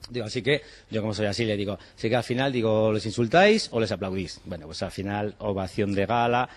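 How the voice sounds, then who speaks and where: A man's voice: lowish voice, quick pace. A man in his forties from Spain, a chef and cooking teacher, talking casually and animatedly, acting out bits of dialogue and swearing in passing. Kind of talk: casual interview talk.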